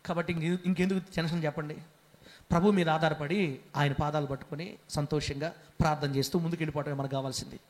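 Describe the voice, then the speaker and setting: A man pastor preaching a sermon with passion, swinging between hushed and loud passages and calling on the congregation to answer aloud. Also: on the high side, fairly even intonation, fast talker. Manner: calls on the congregation to respond aloud.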